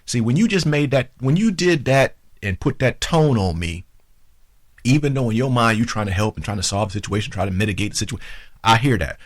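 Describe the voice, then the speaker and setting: A man hosting a talk show, giving relationship advice to women in an animated, informal way and acting out both sides of an argument. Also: mid-range voice, fairly quick, dry recording, clean studio sound. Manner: informal, conversational, addresses the audience directly.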